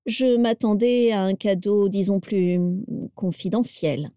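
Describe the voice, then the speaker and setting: A woman's voice: mid-range voice, takes it slowly, dark tone, no echo, clean studio sound, natural voice. A woman voicing a polite, slightly embarrassed young nobleman, read in an audiobook. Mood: awkward. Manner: polite, a bit awkward. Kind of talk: audiobook character reading.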